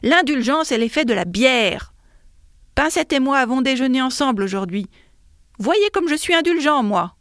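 A woman's voice: high-pitched, expressive, moderate pace, no room sound, clean studio sound, pitched above the performer's own voice. A woman voicing a hot-tempered, bald male office copyist who roars and threatens in a raised, belligerent voice. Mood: blustering. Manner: roaring, belligerent.

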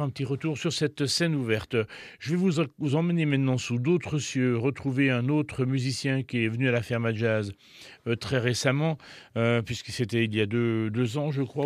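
A man's voice: mid-range voice, dry recording. Hesitant male radio jazz host, dry sound. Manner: hesitant, many fillers and restarts. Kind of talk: casual radio presenting.

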